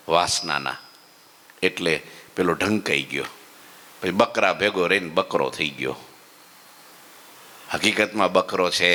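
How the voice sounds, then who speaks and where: A man preaching a devotional story sermon in a temple hall, swinging between loud exclamations and low asides and checking in with listeners.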